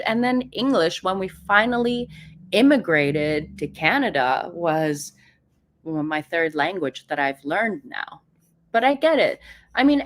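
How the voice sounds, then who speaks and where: A native Persian speaker with a fairly low voice hosts a livestream, chatting animatedly, reading out viewer comments and laughing often.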